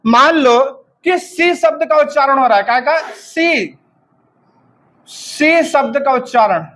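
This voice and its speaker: A man's voice: very high voice, animated, slow pace, a bit bright. A man teaching an exam-prep lesson while he has a cold. He drills by asking and answering his own questions and spells words out letter by letter.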